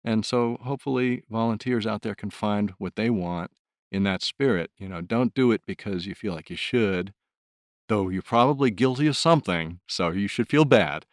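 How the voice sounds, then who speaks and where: A man's voice: fairly low pitch, normal speed, no echo, studio quality. A man who volunteers as an audiobook narrator, talking about his work in a thoughtful, earnest way. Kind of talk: reflective interview talk.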